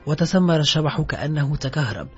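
A man narrating a literary novel as an audiobook in a steady, scripted reading. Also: on the high side, a little fast. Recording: muffled lo-fi recording, faint music.

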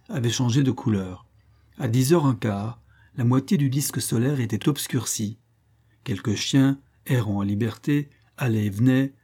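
Mellow-voiced man narrating an audiobook. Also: mid-range voice. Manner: measured, phrase by phrase reading. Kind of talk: scripted narration.

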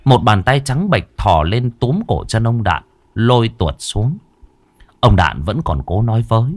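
A man narrating a ghost story in a lively, dramatic way. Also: fairly low pitch, a little slow, no room sound.

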